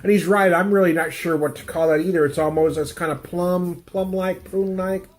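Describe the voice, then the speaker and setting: A middle-aged man stuffed up with a cold rambles casually through a beer tasting review at home, chuckling often while music plays in the room. His voice is high-pitched and fairly even, moving a little fast.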